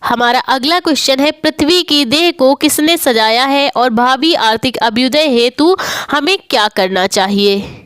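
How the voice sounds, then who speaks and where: High-voiced woman teaching a lesson. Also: measured pace, a bit bright, clean tone, no room sound, studio quality. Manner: explains step by step, repeats "ठीक है" and rhetorical questions. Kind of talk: exam-prep lesson, reading passages aloud.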